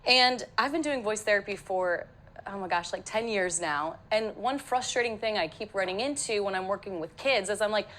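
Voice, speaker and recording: Slightly hoarse woman explaining animatedly. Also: medium pitch, moderate pace, a bit bright, a little hiss or hum. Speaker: voice therapist and children's author. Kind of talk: TV interview guest.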